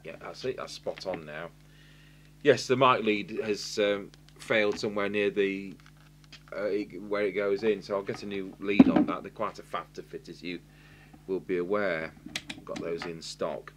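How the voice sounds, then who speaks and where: A man with a deep voice and an English accent gives an informal, hands-on repair demonstration at an indoor workbench, thinking aloud in a matter-of-fact way as he works. He's a radio repair technician and presenter, speaking at a moderate pace with fairly even intonation over heavy background noise.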